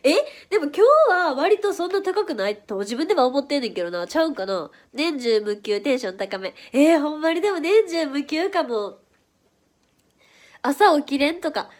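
A young-sounding woman with a Kansai accent chats on a casual livestream, her voice pitched high and a little stuffy from hay fever. She reacts to viewers quickly and playfully. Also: animated. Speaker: idol livestream host. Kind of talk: casual livestream chat reading viewer comments.

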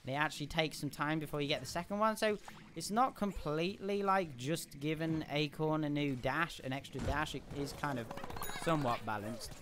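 A young man commenting live on a game he is playing, chatting with viewers and breaking into loud cheers and yelps. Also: fairly high pitch, moderate pace, noisy background. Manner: chatty, answers viewers' questions. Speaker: gaming streamer.

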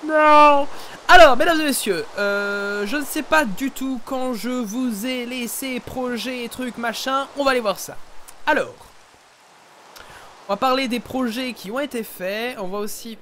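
A man giving live, chatty commentary while playing a game, talking into a headset and often addressing his viewers as ladies and gentlemen. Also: extremely high pitch, measured pace, slight background noise. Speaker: let's play streamer.

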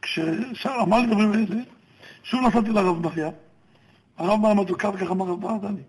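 Man, husky, high-pitched, steady narration, quoting others. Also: rough recording. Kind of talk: recounting events in a played recording.

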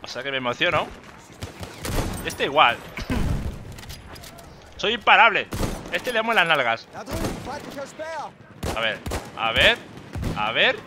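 A man with a Spain Spanish accent giving joking, excitable gameplay commentary and swearing often. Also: fairly high pitch, slow pace, long pauses, noisy background. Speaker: gaming YouTuber. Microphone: desk USB microphone. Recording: loud game gunfire behind. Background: gunfire and explosions from the game.

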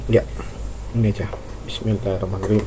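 A food vlogger in his thirties films himself on a phone at arm's length in a small indoor room, giving a casual, chatty, slangy review while eating. His voice is lowish with little pitch movement and a quick pace, and the background is noisy.

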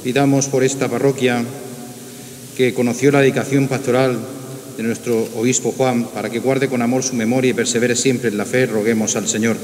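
A man's voice: medium pitch, little pitch movement, brisk, darkish tone. A man formally recites liturgical petitions clause by clause, in a cathedral echo. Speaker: reader of the prayer intercessions. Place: large church, indoors. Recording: cathedral echo, clearly hissy noise.

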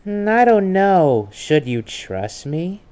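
A man's voice: sits high, sing-song, takes it slowly, a little mellow, exaggerated voice. A man acts out a mischievous young liar in an amateur comedy dub. The voice swings up and down constantly, coy and teasing, dragging words out in mock innocence. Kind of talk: amateur comedic fan dub role-play.

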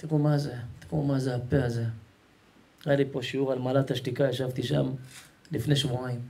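A man's voice: medium pitch, flat delivery, gravelly, a little mellow, slightly rough. A male rabbi preaching a Torah lesson to a live audience, emphatic and repetitive, colloquial and affectionate with the crowd. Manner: repetitive, emphatic, keeps calling the audience to listen.

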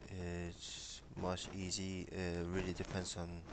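Slow, deep-voiced young man from Micronesia. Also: completely flat delivery, noisy background. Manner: hesitant, pauses with many fillers. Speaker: interviewee. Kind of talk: casual interview answers. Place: small room with bookshelves, indoors. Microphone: headset on a video call.

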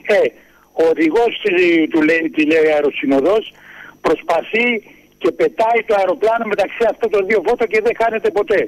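An older man from Cyprus, calling in by phone and slowly telling jokes with many pauses and fillers. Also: sits high. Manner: slow, halting storytelling with many fillers. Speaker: caller. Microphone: telephone. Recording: phone line.

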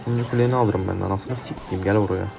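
A man's voice: lowish voice, fairly even intonation, racing, vocal fry. A young man commentating his own mobile game match, swearing heatedly and trash-talking his opponents. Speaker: gaming YouTuber. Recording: faint game music behind.

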